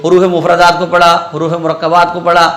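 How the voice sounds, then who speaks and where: A man teaches a recitation lesson in a madrasa classroom, with a voice pitched a little higher than most men's. He drills syllables step by step and keeps asking the class whether they follow. The room gives his voice a strong echo. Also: completely flat delivery, fairly quick, a bit bright. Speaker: Quran reading teacher. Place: madrasa classroom with students present. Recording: roomy echoey classroom.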